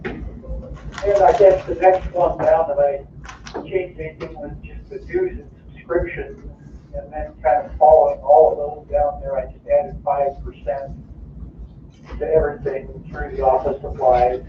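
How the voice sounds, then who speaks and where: A man's voice: fairly high pitch, measured pace, distant mic, slight background noise. A man heard through a speakerphone, casually reporting on a budget and hedging with many fillers. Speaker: water plant staff presenting a budget. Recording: muffled speakerphone in an echoey room, heard from afar.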